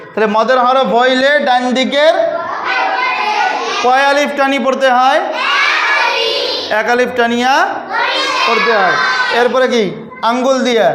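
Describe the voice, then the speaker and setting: A teacher from Bangladesh giving a lesson, drilling letter names aloud and asking the class questions. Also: medium pitch. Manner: asks the class questions and answers them. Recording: echoey room with loud noise.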